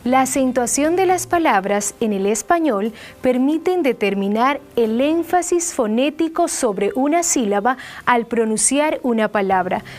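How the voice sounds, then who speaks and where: A woman teacher giving a scripted lesson, slowly stressing and repeating key phrases. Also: fairly high pitch, animated, a little mellow. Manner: slow, drawn-out repetition of key phrases. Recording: faint background music.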